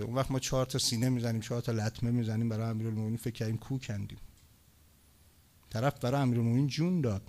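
A man preaching a mourning sermon, telling stories to the congregation and swinging between loud exclamation and hushed lament. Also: medium pitch. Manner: addresses the congregation directly.

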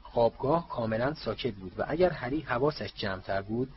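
A man reading a novel aloud as an audiobook narrator, in steady, even storytelling. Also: mid-range voice. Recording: muffled, faint hiss.

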